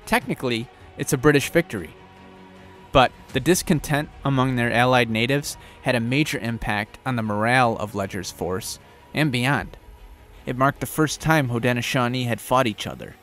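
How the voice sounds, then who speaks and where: A man's voice: medium pitch, normal speed, fairly bright tone, soft background music. A man hosting a history channel, narrating a battle in a casual, conversational storytelling way.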